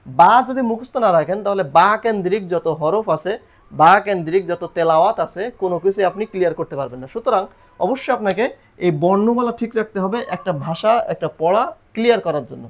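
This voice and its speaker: A man's voice: high-pitched, expressive, fast talker. A man teaching Quran reading and the Arabic alphabet in a recorded lesson, patiently repeating letters and drilling pronunciation.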